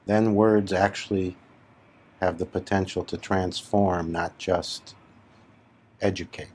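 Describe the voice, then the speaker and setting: Guiding a meditation, a man with a deep, darkish voice talks as a spiritual teacher in a very slow, deliberate manner. Long pauses break up his short phrases, his tone stays steady, and there is slight background noise.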